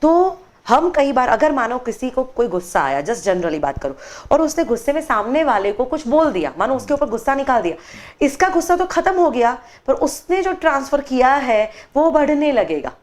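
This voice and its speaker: A meditation workshop trainer appears as a guest in a studio TV interview, speaking at normal speed in a high-pitched voice with few pauses. She explains her workshops and tells a story expressively, acting out the voices of the characters she quotes.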